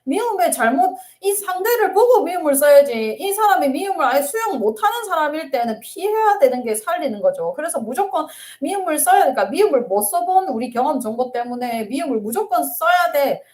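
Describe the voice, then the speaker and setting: A woman's voice: sits high, very animated, fairly quick, few pauses, darkish tone. A middle-aged woman counselor answering viewer questions in an earnest, emphatic live-stream talk. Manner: earnest, emphatic, laughs and tears up while sharing.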